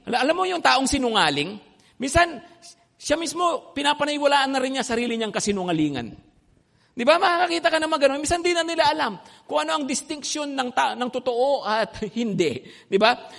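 High-voiced pastor in a hall. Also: male voice, gravelly. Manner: animated storytelling, frequent "no?" and "di ba?" asides. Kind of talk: sermon. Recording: long hall reverb.

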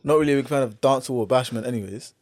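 A man's voice: medium pitch, racing, darkish tone, no echo, studio quality. A man with an urban London roadman accent, chatting casually and emphatically in heavy street slang, often repeating himself for effect. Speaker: podcast co-host. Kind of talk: casual banter.

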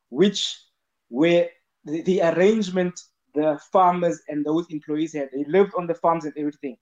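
In a live audio chat room, a man with a fairly high, darkish voice earnestly explains a point, repeating words as he builds a casual spoken argument. The online voice chat sounds dull and lo-fi.

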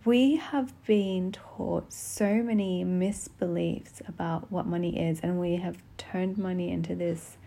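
Soft gentle lady doing a solo podcast, tender and unhurried, mellow w/ lots of vocal fry. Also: on the low side, steady tone. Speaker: podcast host. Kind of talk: intimate solo podcast talk. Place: small closed bedroom at home. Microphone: podcast microphone.

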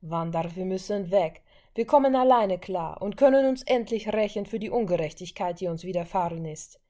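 A woman's voice: mid-range voice, steady tone, mellow, pitched above the performer's own voice, natural voice. A woman voicing a protective young brother who insists on leaving at once in an audiobook story. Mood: insistent. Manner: insistent, hurried. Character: young man, protective brother, pushy and hurried.

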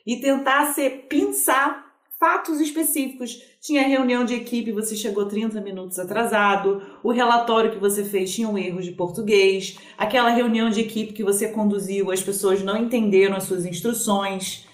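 A woman speaking as a communication expert on a panel, calm and didactic, giving concrete examples. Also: mid-range voice, moderate pace. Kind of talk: explanatory panel talk. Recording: roomy echo.

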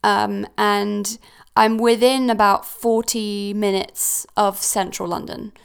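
Young woman podcasting from home, smooth voice with a lot of fry, lots of ums. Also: medium pitch, level tone, slow. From Switzerland. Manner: chatty, with frequent ums and self-corrections. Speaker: podcast host. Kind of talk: casual solo podcast talk. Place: new house.

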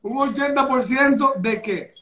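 A man's voice: very high voice, a little slow, sharp tone. A man hosting a casual live chat, cutting in often to question his guest. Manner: keeps interrupting to question the guest. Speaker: host.

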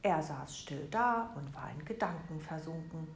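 A woman reading a bedtime story aloud in a gentle, storytelling way. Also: low voice. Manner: slow, gentle, lively storytelling. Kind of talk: storybook narration. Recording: echoey room, faint noise.

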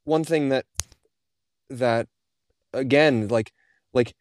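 A man's voice: medium pitch, slow. A man co-hosting a casual soccer podcast, rambling with lots of restarts and filler words. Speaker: podcast co-host.

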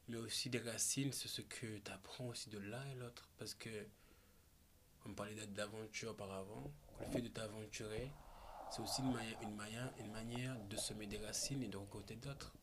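A man from Malawi talking slowly and thoughtfully as a podcast guest, with searching pauses and restarts. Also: lowish voice, noisy background. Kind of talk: reflective conversation.

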